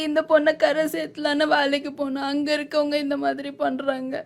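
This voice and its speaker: A woman's voice: high voice, gravelly. An actress playing a struggling young mother, deserted by her husband, who pours out her troubles in a tearful, pleading voice.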